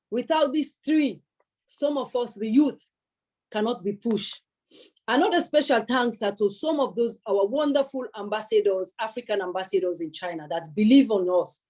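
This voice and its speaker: A woman's voice: fairly high pitch, mellow. A young woman giving an earnest public speech at a celebration, emphatic, repeating her key words and thanking many people. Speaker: speaker at a celebration event.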